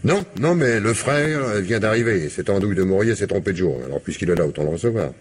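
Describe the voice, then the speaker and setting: In a French radio crime drama, a man plays a brisk, tired, wry police commissioner, speaking bluntly and colloquially with a French accent. His voice is on the low side with a breathy edge and lively intonation.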